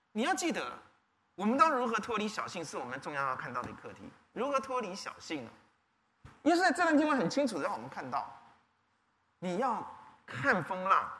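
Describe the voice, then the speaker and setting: A man preaching a sermon as pastor, often asking the congregation questions. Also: high-pitched. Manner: animated, rhetorical questions to the congregation. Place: church hall. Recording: long hall reverb.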